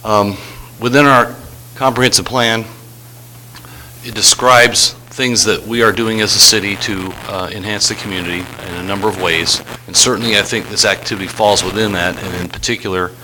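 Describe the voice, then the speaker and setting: A man giving a formal slide presentation as a city staff director, in a halting, hesitant way. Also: on the low side. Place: public meeting room. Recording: faintly noisy meeting room recording.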